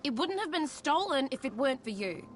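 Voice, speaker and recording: A woman's voice: sits high, sing-song, brisk, a little hiss or hum. A woman playing a brash, cagey young tech tinkerer in a video game, with a sarcastic, cheeky, slangy delivery. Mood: sardonic, wary.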